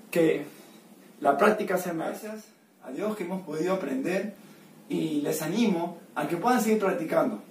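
A man's voice: on the high side, creaky, darkish tone, slight background noise. A man from Peru teaching a recorded dance lesson, counting and calling out step rhythms and encouraging his students. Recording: roomy, from far off the mic, with music. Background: music playing.

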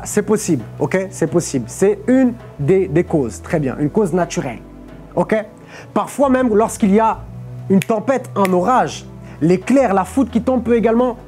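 Standing at a lectern on a studio stage, a young man from Portugal preaches to a live stream audience, with soft music in the background. His tone is high-pitched yet mellow and easygoing. He teaches patiently, repeatedly checking "ok?" and adding "amen."

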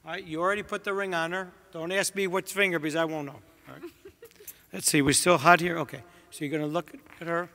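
A man's voice: fairly high pitch, fairly even intonation, fast talker, vocal fry, pushed and bright. A man, a priest, walking a wedding party through their rehearsal, giving chatty directions with joking asides. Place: large church. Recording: long church reverb.

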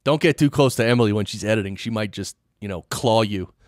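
A man hosting a podcast, chatting casually and explaining technical points in a halting, repeating way. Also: on the low side, no echo, clean studio sound. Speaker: podcast host. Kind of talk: casual technical interview chat. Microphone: dynamic studio mic an inch from mouth.

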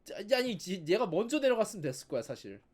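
억양 변화가 큰 높은 톤의 남자 게임 해설. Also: male voice, high-pitched, sing-song, fast. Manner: sarcastic, nagging, talks back at game characters. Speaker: gaming video host. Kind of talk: casual game playthrough commentary.

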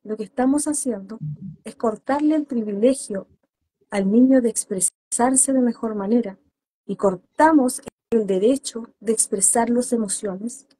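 Earnest woman, husky and dry. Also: on the high side, a little slow, warm tone, dry recording. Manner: earnest, emphatic, acts out parents and children. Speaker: guest therapist. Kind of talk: interview on parenting.

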